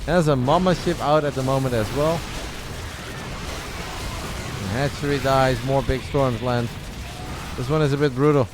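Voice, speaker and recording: A man casting a strategy game match alone, giving chatty, excitable play-by-play that speeds up and slows down with the action. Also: medium pitch, background noise. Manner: chatty, excitable, says mate and guys. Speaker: esports caster. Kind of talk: solo play-by-play commentary. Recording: game music clearly behind the voice.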